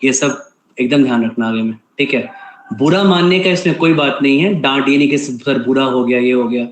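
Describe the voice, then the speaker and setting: A man's voice: medium pitch, moderate pace. A man teaching an online class, giving a stern scolding lecture with an Indian English accent and repeatedly checking "ठीक है?". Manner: stern, repeats "ठीक है?" and switches often between Hindi and English. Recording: echoey room.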